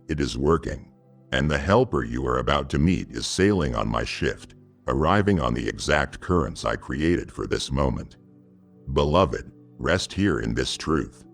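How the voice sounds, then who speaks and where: A man giving scripted devotional narration in the voice of God, solemn and measured, speaking intimately to the listener. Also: rumbling low, vocal fry.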